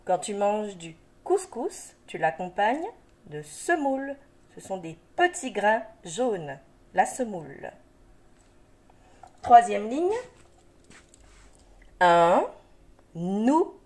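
A woman's voice: mid-range voice, sing-song, slow pace, pauses often, darkish tone. A woman teacher guiding young children through a reading lesson, encouraging them and sounding out syllables patiently. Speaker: primary school teacher.

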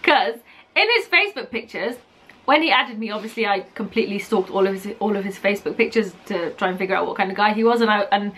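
A woman's voice: medium pitch, quick pace, a bit bright. A young woman telling how she met her husband in a casual, playful chat, often cutting in to correct him. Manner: chatty, playful, interrupts to correct. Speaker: co-host telling a couple story.

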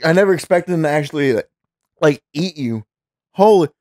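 A man's voice: fairly high pitch, animated, fairly quick, a little mellow, no room sound, clean studio sound. A young man chatting casually and laughing often while playing a video game with a friend. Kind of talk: casual let's-play commentary.

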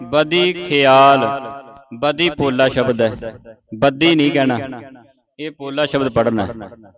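Slow, patient male recitation teacher. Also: on the high side, highs cut off. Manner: patient, drills each word slowly and checks understanding. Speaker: Gurbani pronunciation teacher. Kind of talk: slow line-by-line recitation lesson.

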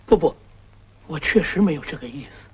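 A husky middle-aged man from a 1970s film drama, fumbling for words and apologizing. His pitch swings widely while he stammers through half-finished excuses to a guest. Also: expressive, brisk, a little mellow, muffled recording. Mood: hesitant, apologetic. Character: evasive middle-aged man, anxious host fending off a guest.

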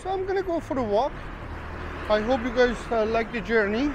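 Traffic rumbles behind a travel vlogger as he walks through the rain, chatting loosely with viewers he calls "guys." His very high voice sounds animated and moves a little fast.

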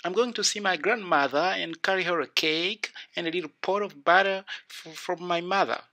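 A man's voice: sits high, normal speed, sharp tone, voice pushed up. A man voicing an innocent, polite little girl in a storybook tale, naive and wide-eyed. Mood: innocent, chatty. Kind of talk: storybook character voice.

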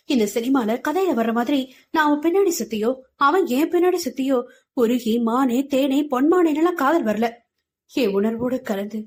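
A woman's voice: sits high, voice pushed up. A woman voicing a young female student who speaks in a hurt, defiant and emotional way. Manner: emotional, pleading.

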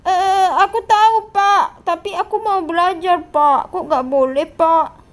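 A woman's voice: very high-pitched, steady tone, unhurried. A woman voicing a teased, lonely monster schoolkid with a whiny, plaintive way of talking in a game role-play. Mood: pleading.

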